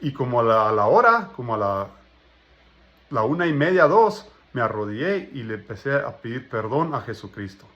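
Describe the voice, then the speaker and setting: A man's voice: medium pitch, sing-song, normal speed, a bit bright. A man giving an emotional personal religious testimony, telling his story and acting out the dialogue. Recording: dull lo-fi recording.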